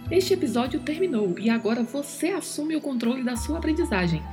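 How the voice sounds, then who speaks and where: A woman's voice: high voice, sing-song, a little fast. Woman reading a podcast outro over music. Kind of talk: scripted outro announcement. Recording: music playing under the voice.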